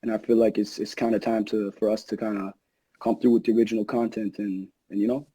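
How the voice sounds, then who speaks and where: Mellow laid-back rapper guy. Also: fairly low pitch, quick pace, breathy edge, no echo, poor audio. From Egypt. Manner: laid-back, relaxed, lots of "you know". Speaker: new host, rapper. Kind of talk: casual podcast chat.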